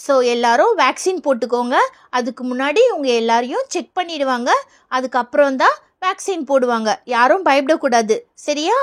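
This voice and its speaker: A woman voicing a calm, kind schoolteacher addressing her class in a doll play. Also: high voice, normal speed. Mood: instructing. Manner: gently instructive.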